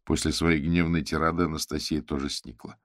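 A man narrating an audiobook in a measured storytelling manner. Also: very deep voice, flat delivery, no room sound, clean studio sound. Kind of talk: scripted narration.

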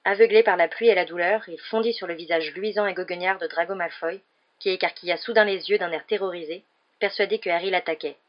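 A woman reads an audiobook chapter aloud in a steady, expressive storytelling manner. Her voice sits somewhat low, and the recording sounds dull and lo-fi. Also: fast. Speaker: audiobook narrator. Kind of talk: scripted audiobook narration.

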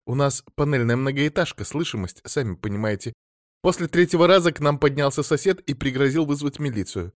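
A man voicing an agitated woman phoning the police, talking fast and pleading, then furious. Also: mid-range voice, expressive, dry recording, clean studio sound, pitched above the performer's own voice, lightly acted. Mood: worried, rambling. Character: agitated middle-aged woman caller, shrill and indignant.

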